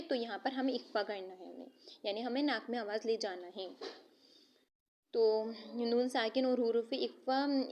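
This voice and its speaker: A woman teaching Quran recitation, patiently explaining each rule and asking and answering her own questions. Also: on the high side. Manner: chants example verses slowly and drawn out. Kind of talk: recitation lesson.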